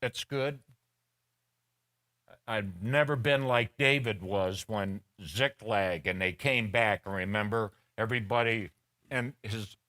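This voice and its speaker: A middle-aged male pastor preaching from the pulpit in a slow, unhurried cadence. His tone is bright and forceful, and he tells personal stories, slipping into the voices of the people he quotes. The sermon feels personal and conversational. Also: mid-range voice. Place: church sanctuary.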